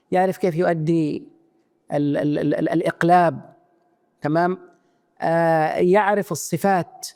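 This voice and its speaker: Higher-pitched man giving a religious lesson. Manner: instructive, checks listeners with rhetorical questions. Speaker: Quran teacher trainer. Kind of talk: religious lecture. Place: mosque lecture hall.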